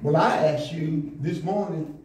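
A man preaching a sermon from the pulpit in rhythmic call-and-response style, building to shouts. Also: on the high side, measured pace, recorded from a distance. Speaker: pastor. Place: church sanctuary, indoors, at a pulpit. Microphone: stand mic at the pulpit, filmed from a far camera. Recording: echoey church room, heard from afar.

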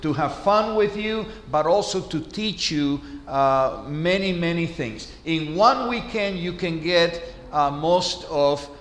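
A man's voice: fairly high pitch, lively intonation, slow pace, few pauses, fairly bright tone. Middle-aged male priest, earnest sermon, recorded from afar in a reverberant church. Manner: earnest, preaching with hand gestures. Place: church sanctuary. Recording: echoey church hall from far off.

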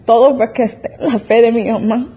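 A woman's voice: on the high side, fairly even intonation, normal speed, warm tone, slightly rough. A young woman in her twenties giving an emotional, earnest church testimony, often restarting her sentences. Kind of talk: personal faith testimony.

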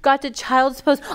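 A high, bright voice with a gravelly, breathy edge belongs to a middle-aged woman leading yoga teacher trainees. She is lively, peppering the class with questions she answers on her own. A far-off camera records her across a large wooden studio.

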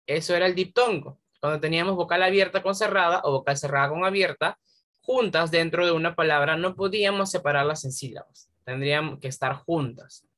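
A woman's voice: low-pitched, a little fast, a bit bright. A woman teacher giving a patient lesson to young pupils, quizzing them step by step. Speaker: primary school teacher. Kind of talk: online class lesson.

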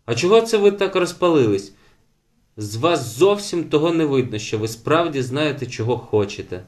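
A gruff, teasing dog driver, as a male audiobook narrator voices him, needling with sly questions. He speaks in a plain, everyday pitch with a dry, wry manner, rising sharply when pressed. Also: a little fast, natural voice.

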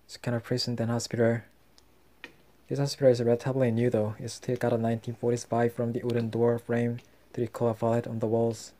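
A man exploring a dark abandoned hospital, giving casual commentary with wry, muttered asides into a handheld camera. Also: medium pitch, completely flat delivery, fast. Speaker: urban explorer.

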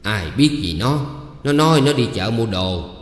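A man's voice: medium pitch, expressive, lightly acted. A man voicing a cranky, nagging older farm wife. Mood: irritated, scolding. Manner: scolding, quick to bicker. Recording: echoey, reverberant room.

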